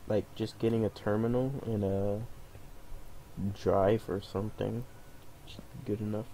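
A man's voice: fairly low pitch, flat delivery, measured pace, warm tone. A man hosting a gameplay video at home, chatting casually and rambling as he plays. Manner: rambling, hums to himself. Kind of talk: casual game commentary. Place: family home. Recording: noisy home recording.

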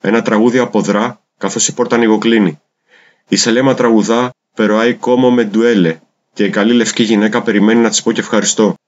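A man reading translated poems aloud in a measured, deliberate recitation. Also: on the low side, steady tone. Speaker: poetry reader. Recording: dull lo-fi recording.

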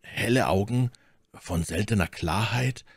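A man doing a hushed, calm musketeer. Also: fairly low pitch, vocal fry, breathy edge, dry recording, studio quality, exaggerated voice. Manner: quiet, subdued, measured. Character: calm, phlegmatic older musketeer, low and hushed.

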